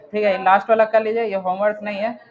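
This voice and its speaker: A man's voice: high voice, flat delivery, fast talker, lo-fi sound, a crowd in the background. A man teaching an Arabic grammar class online, patiently walking students through each word and often checking whether they follow.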